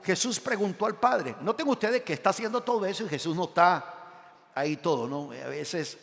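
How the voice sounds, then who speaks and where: A man preaches in a church, his slightly high voice trailing off into a long hall reverb. He reads scripture aloud and puts questions to the congregation. His delivery swings from loud emphatic lines to quiet, low asides. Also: moderate pace, gravelly. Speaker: pastor. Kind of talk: sermon. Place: church sanctuary.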